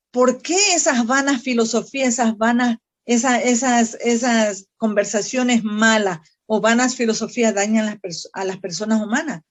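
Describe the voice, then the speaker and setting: Fervent higher-voiced woman preaching. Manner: earnest, fervent preaching with prayers spoken aloud; addresses listeners directly with questions. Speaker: missionary. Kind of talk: Bible study teaching.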